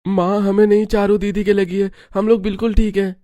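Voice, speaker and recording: A man voicing three mischievous little brothers in a cartoon story, using a high childish voice. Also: little pitch movement, a little fast, warm tone, soft background music, natural voice. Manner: taunting, high-pitched childish voice.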